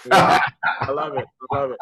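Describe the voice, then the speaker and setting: A man's voice: medium pitch, fairly even intonation, a little fast, pushed and bright. A man chatting casually over an internet call. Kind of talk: casual chat. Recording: dull lo-fi video call audio.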